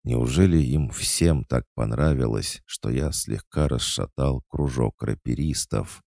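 A man narrating a first-person audiobook in an even, steady way, his voice extremely low and gravelly. It sounds dark and mellow, recorded dry and close to the mic. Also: unhurried, no room sound.

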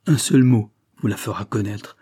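A man's voice: medium pitch, steady tone, normal speed, dark tone, no echo, clean studio sound, lightly acted. A man voicing a vehement, impassioned society lady. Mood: scornful. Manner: impassioned, pleading then scornful and vehement. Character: passionate young society woman, desperate then bitter. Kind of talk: audiobook character reading.

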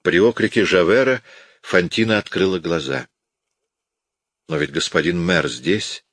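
A man narrating an audiobook in a measured, dramatic reading. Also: low-pitched, lively intonation, a bit bright, no room sound, studio quality. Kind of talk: scripted narration.

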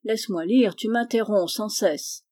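A composed mother from a classic children's tale, firm and measured, as a woman reader voices her. Her tone is mellow and warm, never raised. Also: medium pitch, natural voice. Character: firm but loving mother Léontine.

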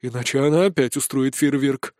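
A man reading a story aloud, voicing a calm, careful young male wizard who keeps his voice low. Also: a little fast, no room sound, studio quality, natural voice. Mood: cautious. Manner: hushed, careful.

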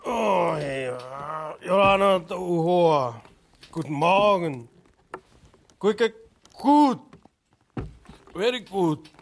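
An actor playing a calm foreign harpooner who speaks broken, halting German, in a radio play. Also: male voice, high-pitched, heavily acted. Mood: cheerful.

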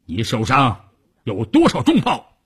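Fierce male division commander, voiced by a man, barking orders, cursing, husky, wildly swinging pitch. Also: wildly swooping pitch, unhurried, a bit bright, heavily acted. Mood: furious commanding.

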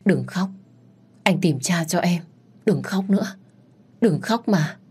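A woman's voice: fairly low pitch, expressive, slow pace, darkish tone, breathy edge, full character voice. Woman voicing a trembling, comforting young man. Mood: soothing. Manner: shaky, soothing.

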